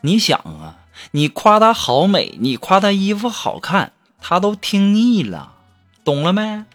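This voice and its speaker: A playful man tells jokes in a teasing, chatty monologue. His voice sits a bit high and swings up and down a lot. Music plays clearly behind him. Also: wildly swooping pitch, a little slow. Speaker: comedic storyteller. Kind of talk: humorous monologue. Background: background music.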